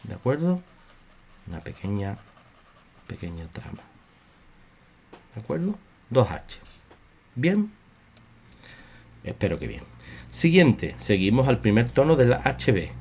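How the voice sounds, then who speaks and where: A man teaching a drawing lesson, talking slowly and repeating his instructions calmly. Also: medium pitch, slight background noise. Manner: slow, repetitive, soothing instruction. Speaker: art teacher. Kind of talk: drawing tutorial.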